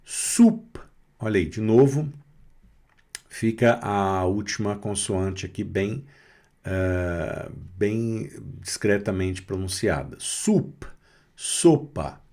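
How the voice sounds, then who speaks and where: A man's voice: fairly low pitch, a little mellow. A Brazilian man from Minas Gerais teaching French pronunciation in an online lesson, patiently spelling out sounds with frequent "né?" checks and playful jokes. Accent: Brazilian Portuguese, Minas Gerais. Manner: patient, drawn-out explanations with frequent "né?" and "tá certo?"; playful, joking asides.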